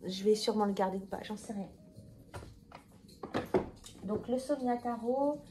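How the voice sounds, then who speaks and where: A woman's voice: mid-range voice, measured pace, dark tone. A woman chatting casually to her viewers, rambling with fillers and self-corrections. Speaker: tarot video creator. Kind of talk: casual talk to camera.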